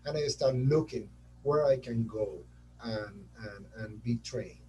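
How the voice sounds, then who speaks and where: A man from Colombia with a Colombian Spanish accent speaking English as a second language, talking in an animated way as a surgeon being interviewed on a webinar. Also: mid-range voice, measured pace, far from the mic, a little hiss or hum, rough recording. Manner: animated, repeats words while searching for them. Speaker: transplant surgeon guest.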